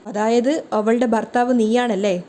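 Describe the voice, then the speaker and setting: A woman voicing an angry, sarcastic young man who scolds in a mellow, fairly high voice. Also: level tone, normal speed, a little hiss or hum, lightly acted. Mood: scolding.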